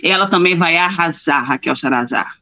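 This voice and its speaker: A woman's voice: lowish voice, normal speed, pushed and bright. Emphatic woman chatting on a live show. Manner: emphatic, repeats herself for effect. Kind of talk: casual chat.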